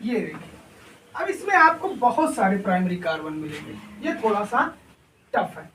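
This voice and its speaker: A man's voice: high voice, big pitch swings, normal speed, a bit bright, slight background noise. A male chemistry teacher giving a classroom lecture. He keeps asking his students questions and answering them himself, often checking that the class is following. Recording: echoey room, voice far from mic.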